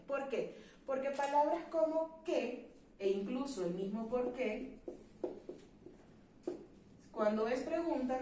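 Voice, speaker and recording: A woman's voice: a little high, darkish tone, distant mic, slight background noise. Woman teacher in an echoey room. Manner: clear, measured classroom delivery with rhetorical questions. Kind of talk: explaining a grammar lesson.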